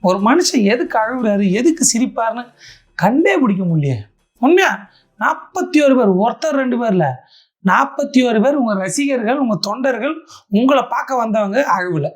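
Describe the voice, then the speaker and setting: Sarcastic, lively commentator. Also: medium pitch, normal speed. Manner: sarcastic, teasing, theatrical. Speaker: satirical commentator. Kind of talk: mocking reaction commentary.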